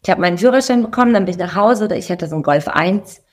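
A woman's voice: mid-range voice, animated, fast. A woman co-hosting a podcast who chats playfully, laughs easily and tells her own stories with dramatic flair. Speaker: podcast co-host. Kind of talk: casual chat.

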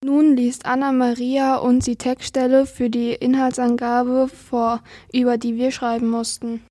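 A woman's voice: on the high side, little pitch movement, a little slow, warm tone, no echo. A woman presenting a school project, announcing the next speakers. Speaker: student presenter. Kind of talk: scripted presentation.

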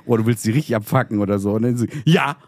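A man's voice: medium pitch, very fast, a little mellow, no room sound, clean studio sound. A young man co-hosting a podcast, telling a story with mock outrage and plenty of swearing. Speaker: podcast co-host. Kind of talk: casual chat.

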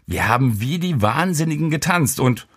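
A cheerful young woman chatters to her sleepy partner, as a male narrator puts her on. The voice is lifted well above his usual register and moves in lively swings. It is an audiobook reading. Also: fairly high pitch, normal speed, slightly rough, pitched above the performer's own voice. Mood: chatty.

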